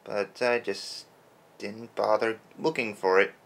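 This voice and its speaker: A toy customizer with a lowish voice narrates casually and softly while painting a toy at his desk, speaking slowly in a steady tone. He rambles from thought to thought with plenty of fillers. Allergies leave a slight roughness in his throat.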